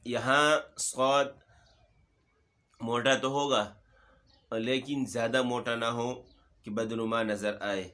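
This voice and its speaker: A man teaching Quran recitation, briskly and patiently explaining pronunciation rules to learners. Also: mid-range voice, steady tone, sharp tone.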